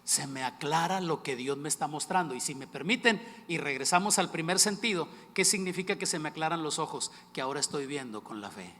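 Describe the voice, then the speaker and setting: A man delivers a sermon as pastor, his voice sitting somewhat high for a man. He keeps turning to the congregation with questions. The sound carries a long reverb from a large hall. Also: expressive, a little fast, hardly any pauses, a bit bright. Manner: engaging, asks the congregation questions.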